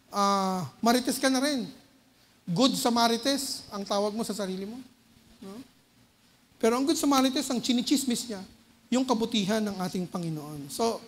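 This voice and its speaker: A man with a Filipino accent preaching a sermon. He often asks the congregation "no?" and moves between loud urgent bursts and low quiet asides. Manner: keeps checking with the congregation by tagging "no?" onto phrases. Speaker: lay preacher. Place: church hall. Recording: long reverb of a church hall.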